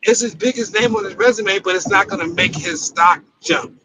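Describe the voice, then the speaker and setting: Male podcast debater who explains at length, very high voice, crowd noise behind. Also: poor audio. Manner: drawn-out explaining with frequent restarts. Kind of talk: heated casual debate.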